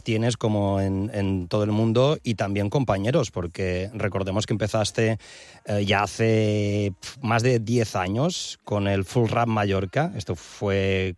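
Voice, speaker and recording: Guy interviewer, lowish voice, asks things kinda hesitantly, dry close sound. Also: unhurried, no echo. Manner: relaxed, hesitant questions with short affirmations. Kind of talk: casual interview.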